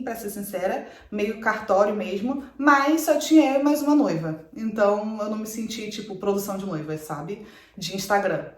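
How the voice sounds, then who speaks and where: A woman in her twenties chatting quickly to camera, telling a personal story with lively asides. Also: a little high, echoey room. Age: 20s. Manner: chatty, fast, animated retelling with quoted asides. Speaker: vlogger.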